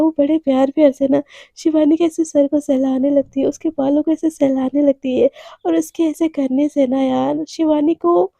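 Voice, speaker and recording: A woman with a hoarse, sore throat, casually telling a story and talking to her listeners as friends. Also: sits high, mellow, no echo. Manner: chatty, addresses listeners as friends.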